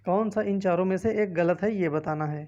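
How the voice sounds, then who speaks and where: A woman with a fairly low, dark voice speaks fairly quickly, with the highs cut off. Teaching exam prep in a north Indian Hindi accent, she reads each multiple-choice option and explains it in a quiz walkthrough.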